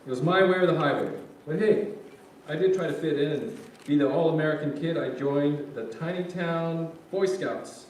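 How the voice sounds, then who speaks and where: A man's voice: a little high, normal speed, darkish tone, lightly acted. A man playing a grumbling, joking middle-aged son in a staged reading, casual and colloquial. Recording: echoey hall, distant mic, faint noise.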